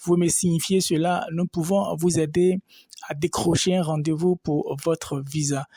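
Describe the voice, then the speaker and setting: A man's voice: on the high side, flat delivery, normal speed, warm tone, husky, no echo. A man teaching pronunciation in French, patiently drilling tones and vowels, with frequent fillers. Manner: fillers and restarts when speaking freely. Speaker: Chinese language teacher. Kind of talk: language lesson, pronunciation drills.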